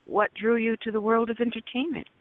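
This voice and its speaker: A woman's voice: on the high side, flat delivery, brisk, no room sound. A woman hosting a radio talk show who reads formal guest introductions, with small slips and corrections. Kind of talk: reading guest introductions, interviewing. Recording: narrow phone-line radio sound.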